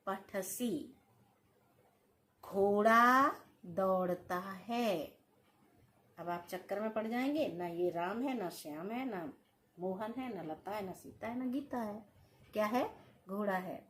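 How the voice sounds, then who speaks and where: A woman's voice: mid-range voice, a bit bright. A woman teaching a Sanskrit grammar lesson, dictating sentences word by word and stretching each word. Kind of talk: slow classroom-style grammar lesson.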